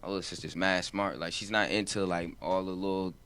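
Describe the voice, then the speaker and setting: Very deep-voiced young New rapper. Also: male voice, fairly even intonation, a little fast, a bit bright, slight background noise. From New Jersey, US. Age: 20s. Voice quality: voice sounds older than his age. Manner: laid-back, rambling, says "you feel what I'm saying". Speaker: rapper guest. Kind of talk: casual interview chat.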